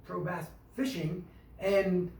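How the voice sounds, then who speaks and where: A man giving an instructional talk to a small business group, animated and full of questions, acting out tones of voice. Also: high-pitched, slow pace, creaky, far from the mic. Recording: echoey room, voice from off the mic.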